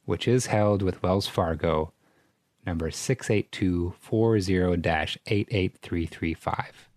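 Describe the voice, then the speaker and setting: A man co-hosting a comedy sketch, calmly and deadpan reassuring listeners in a parody of guided hypnosis. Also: low voice, takes it slowly, no room sound, clean studio sound. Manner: calm, mock-reassuring, deadpan. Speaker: comedy podcast co-host.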